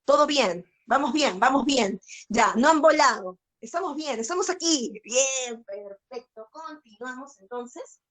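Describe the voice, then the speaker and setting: A woman's voice: high voice, animated, measured pace, hardly any pauses, a bit bright, far from the mic, low-quality recording. A woman teaching an online language class, explaining step by step and asking many questions. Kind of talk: online lecture.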